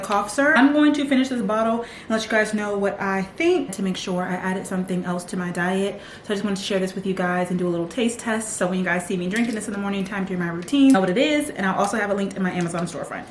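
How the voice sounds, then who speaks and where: A woman's voice: mid-range voice, fast, reverberant, slight background noise. A young woman in her twenties chatting casually to camera for her vlog, leaning on lots of "like" fillers. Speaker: vlogger. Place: home.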